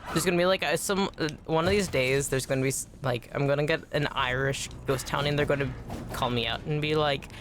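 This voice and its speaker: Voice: mid-range voice, steady tone, fairly quick, background noise. A game streamer chatting casually while playing, rambling and repeating words for emphasis. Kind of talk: casual chat while gaming.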